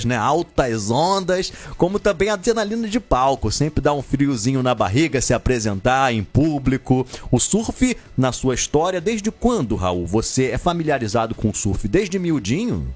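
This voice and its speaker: A man hosting a live show, interviewing a guest in a lively, encouraging way. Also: mid-range voice, normal speed, few pauses. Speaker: show host.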